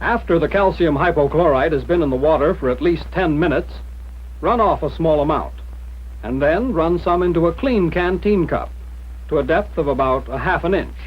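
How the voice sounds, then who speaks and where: An American man reading scripted instructions in the formal, measured manner of a 1940s military training film narrator. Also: a little high, breathy edge. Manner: mid-century newsreel-style narrator, formal, measured instruction. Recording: dull, lo-fi 1940s film soundtrack.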